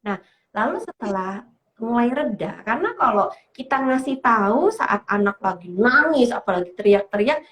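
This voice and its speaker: Lively woman psychologist in an echoey room. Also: a little high, moderate pace. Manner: lively, laughs often, acts out parents and children. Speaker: psychologist guest. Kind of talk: parenting advice in a talk show. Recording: roomy echo.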